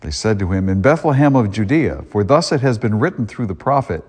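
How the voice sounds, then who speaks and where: A priest with a lowish, animated voice, a darkish tone and a breathy edge speaks fairly quickly. He reads the gospel in church and then gives a conversational homily, often restarting sentences, with long, cathedral-like reverb around him.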